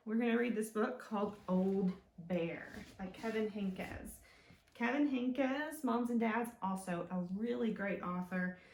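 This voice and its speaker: A mid-range female voice reads and teaches for young children, sing-song and full of simple, encouraging questions as she hosts storytime. There's a little hiss or hum, and the distant mic picks up an echoey room.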